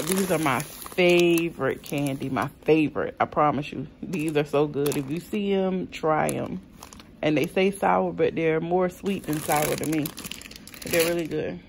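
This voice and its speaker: A woman's voice: sits low, slight background noise. A woman, chatting unhurriedly to viewers as she shows her grocery haul. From South Carolina. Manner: chatty, unhurried, many ums, addresses viewers as y'all. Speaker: vlogger showing a grocery haul. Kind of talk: casual chat to viewers.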